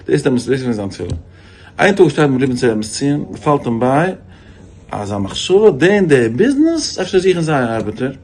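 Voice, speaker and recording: A man's voice: mid-range voice, brisk. A man, a rabbi, giving a storytelling sermon on faith, restarting phrases often and jumping his voice up for quoted people. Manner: animated, many repeated restarts, voice jumps up for quoted lines.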